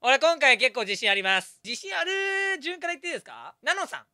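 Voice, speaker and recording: Animated, teasing male game host. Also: extremely high pitch, fairly quick, dry recording, studio quality. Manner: animated, laughs often, teasing. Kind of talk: hosting a game stream.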